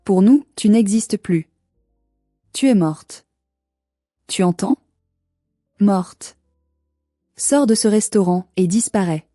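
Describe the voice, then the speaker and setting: A woman's voice: mid-range voice, expressive, slow pace, pauses often, dark tone, no echo, studio quality, faint music behind. Woman reading as an icy, haughty mother. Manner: icy, cutting, clipped delivery. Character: cold, haughty, cruel middle-aged mother.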